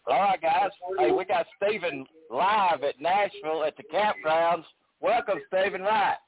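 A man's voice: high-pitched, measured pace. A man hosting a casual interview in an informal, folksy way. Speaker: show host. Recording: narrowband phone-like sound.

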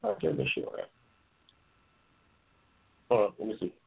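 A man in his seventies hosts a casual stream, reading viewers' comments and trading jokes and trash talk. His lowish voice swoops wildly in pitch at a normal speed, sounding creaky and slightly rough over tinny, phone-like lo-fi audio.

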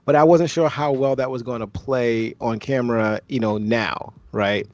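A man's voice: mid-range voice, fairly even intonation, normal speed, darkish tone, no room sound, dull audio. A man in his thirties co-hosting a movie review podcast, talking casually and rambling with frequent restarts. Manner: rambling, self-correcting. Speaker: podcast co-host.

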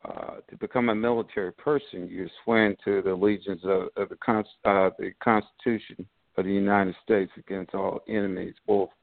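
A middle-aged man calling into a talk show over the phone, speaking haltingly with many pauses. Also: low-pitched, steady tone, creaky, no room sound. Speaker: caller. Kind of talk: call-in sports talk. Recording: tinny dry phone line.

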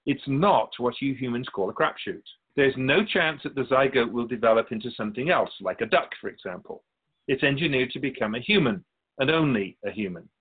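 In a scripted radio drama, a man voices a wise, otherworldly spirit being interviewed, patient and a bit pedantic as he explains things in measured phrases. His husky, mid-range voice is animated and swoops widely, and the audio sounds narrow, like a telephone.

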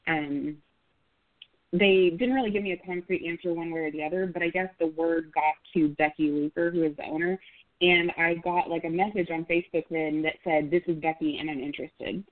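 Woman, 30s, from Oklahoma, chatty storyteller with fillers, lowish voice, dry phone-line sound. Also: fairly even intonation, normal speed, dry recording. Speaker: podcast host and guest. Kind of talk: casual interview chat. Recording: tinny phone-like call audio, dry.

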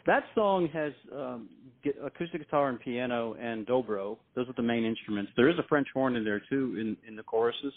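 A man's voice: medium pitch, a little fast. Folksy man on a phone-like line. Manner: folksy, self-deprecating. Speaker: musician guest. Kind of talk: casual interview talk.

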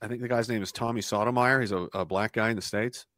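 A man's voice: on the low side, fairly even intonation, fast talker, fairly bright tone, dry recording, clean studio sound. A man talking as a podcast guest in a casual, rambling way, often restarting phrases and chuckling between thoughts. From Canada.

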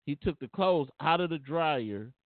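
A man's voice: fairly high pitch, animated, a little slow, no room sound. A man telling a personal story casually and earnestly, often repeating and restarting his phrases. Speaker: vlogger. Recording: tinny phone-like dry sound.

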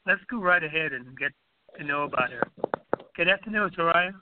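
Male radio host, higher-pitched voice, formal courteous phrasing with repeats, narrowband phone-quality audio. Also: lively intonation, fairly quick, background noise. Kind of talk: internet radio interview hosting. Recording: narrow, tinny phone-like line.

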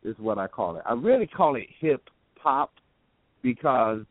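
A man's voice: mid-range voice, very animated, moderate pace, no room sound. Man on a phone line fading in through static. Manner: easygoing, says "man" often. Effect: phone line cutting out and fading back through static. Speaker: actor guest calling in. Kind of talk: casual phone interview. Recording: tinny, dry phone line.

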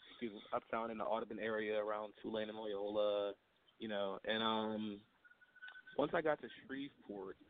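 A man in his twenties from Louisiana, a guest on a radio show, speaking politely and apologetically with frequent restarts. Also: fairly low pitch. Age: 20s. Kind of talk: radio call-in chat. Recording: phone line with faint static.

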